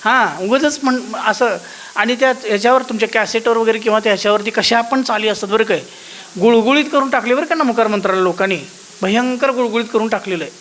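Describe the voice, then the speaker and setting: A man's voice: sits high, fast talker, fairly bright tone, slight background noise, rough recording. A man with a thin voice teaching a devotional course, often asking his listeners whether they follow and singing out the musical notes as he explains them.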